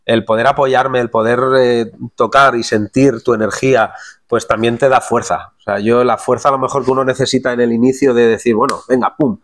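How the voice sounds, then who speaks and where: A male voice impressionist talks in an easygoing, colloquial way as an interview guest. His voice sits at an ordinary mid pitch, and he slips into other voices mid-sentence. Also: steady tone, a little fast. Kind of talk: casual interview chat.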